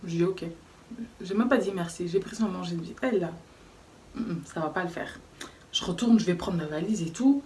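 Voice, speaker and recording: A young woman chatting casually as she tells a personal story for her vlog, animated and acting out the people in it. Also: on the low side, fairly quick, distant mic, slight background noise. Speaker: YouTuber telling a story.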